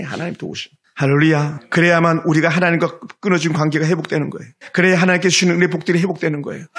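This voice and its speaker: A man preaches a sermon as a pastor, talking fast in a fairly high voice. His delivery is emphatic and repetitive, often punctuated by hallelujahs. The voice has a gravelly, husky edge. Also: fairly bright tone. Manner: speaks quickly.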